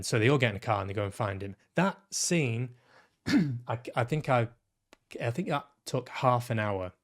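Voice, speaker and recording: A man talks loosely on his own podcast, frank and blunt, swearing freely as he picks a film apart. His voice sits at a middle pitch, and his talk is full of quick restarts. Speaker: podcast host. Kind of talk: casual monologue, film critique.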